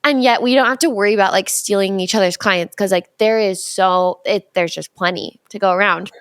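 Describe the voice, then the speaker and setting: A woman's voice: mid-range voice, clean tone, dry recording. Chatty woman podcast host, dry sound. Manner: chatty, quick bursts, frequent agreeing "yeah". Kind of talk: casual podcast conversation.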